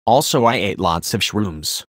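A crude, sly middle-aged plumber with a thick put-on Italian accent, as a man reads him aloud. He talks low and grins through his lines. The sound is close and dry. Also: lively intonation, unhurried, fairly bright tone, no echo. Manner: sly, joking.

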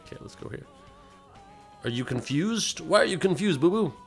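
A man's voice: on the high side, lively intonation, normal speed, soft background music. A man hosting a casual game livestream, chatting loosely and playfully with viewers and slipping into silly voices. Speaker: livestream host.

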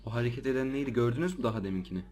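A man's voice: medium pitch, rapid-fire, a little mellow, a little hiss or hum. A man with an ordinary, middle-range voice chats loosely to his audience as he plays. He sounds jittery and easily startled, and his casual talk jumps into yelps. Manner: jumpy, easily startled, slangy chatter to viewers. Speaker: let's play gamer. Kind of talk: casual gameplay commentary.

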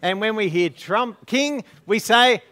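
A man's voice: high-pitched, lively intonation, a little slow, sharp tone. A man pastor leading a Christmas story at a church service, playfully coaching the crowd through call-and-response prompts.

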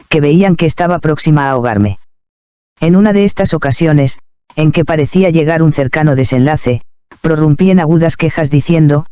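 A man's voice: a little high, smooth, dry recording, dull audio. Man reading a devotional memoir reverently. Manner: calm, reverent first-person reading. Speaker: narrator. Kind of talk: scripted narration of a devotional memoir.

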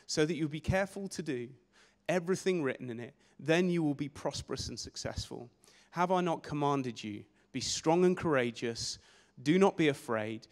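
A young man preaching a sermon on a church stage with a handheld mic, energetic and gesturing, often repeating words as he restarts phrases. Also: on the high side. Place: church stage in a large hall. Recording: long hall reverb.

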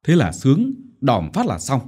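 A man's voice: medium pitch, wildly swooping pitch, moderate pace, darkish tone, slightly rough, voice pushed up. A man voicing an older male village gambler who banters and wails, read in an audiobook. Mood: gossipy.

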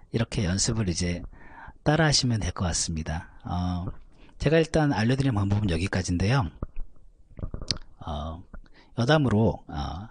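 A man teaching a vocal lesson, calmly explaining technique between high belted demonstrations. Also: slightly rough, no room sound. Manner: explains calmly, then belts high shouted notes. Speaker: vocal coach.

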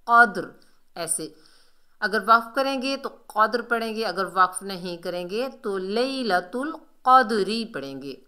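In this lesson on Quran recitation rules, a woman with a medium-pitched voice that sounds pushed and bright patiently explains pronunciation step by step, drawing out recited words as examples of tajweed.

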